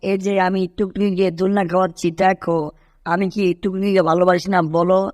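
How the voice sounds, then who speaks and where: A man's voice: high voice, level tone, quick pace, no room sound, studio quality, natural voice. A man voicing Tom, a clumsy panicky cartoon cat who frets and yelps. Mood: fretting. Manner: panicky exclamations, pleading.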